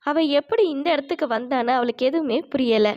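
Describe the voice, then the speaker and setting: High-voiced woman narrating a cartoon story. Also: a little fast, dull audio.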